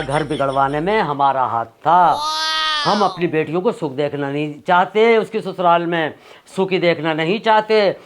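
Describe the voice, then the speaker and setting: A man with a Haryanvi accent, doing comic sketch monologue as Jamila, a gossiping, scolding middle-aged housewife. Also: background noise. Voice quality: high-pitched, scolding, chatty. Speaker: comedian playing Jamila Aapa. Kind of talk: sketch comedy monologue in a put-on woman's voice. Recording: loud background music.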